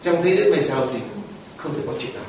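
High-voiced priest in an echoing church. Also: male voice, animated, quick pace, vocal fry, a little mellow, slight background noise. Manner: folksy, joking storyteller. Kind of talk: sermon with humorous anecdote. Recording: echoey church from far off.

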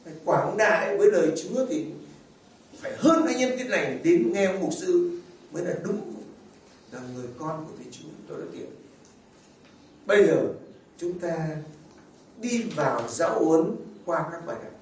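A male priest delivers a homily in a high-pitched voice, questioning his listeners as he goes. His voice rings through a very reverberant church, picked up from some distance. A faint room ambience sits underneath. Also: expressive, moderate pace, pauses often, darkish tone, slight background noise. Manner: asks the congregation rhetorical questions. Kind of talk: sermon. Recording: very echoey, far from the mic, faint ambience.

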